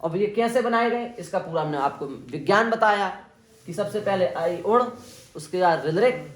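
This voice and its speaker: A man's voice: sits high, expressive, normal speed, roomy sound. A man teaching Sanskrit grammar to a class, explaining the sounds and having students say them back to check their pronunciation. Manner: drills students on pronunciation, asks them to repeat. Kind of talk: classroom lesson. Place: indoor classroom.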